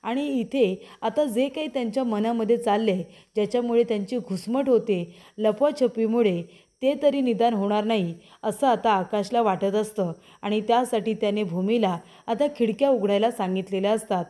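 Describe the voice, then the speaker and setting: A woman's voice: on the high side, moderate pace, warm tone. A woman retelling a TV serial episode to her viewers, speaking to the audience directly in a dramatic way.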